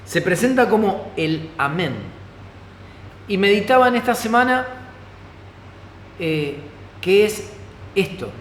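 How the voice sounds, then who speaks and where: Leading a Bible study conversationally, a pastor with a Rioplatense Spanish accent often checks in with listeners. His voice is a little high and fairly bright, recorded in an echoey hall with faint ambient noise.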